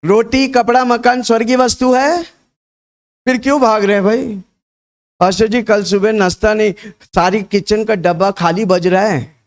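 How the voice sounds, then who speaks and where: High-voiced rousing male preacher. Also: fairly even intonation, moderate pace. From India. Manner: rousing call-and-response, urging the congregation to repeat; storytelling with repetition. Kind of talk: sermon.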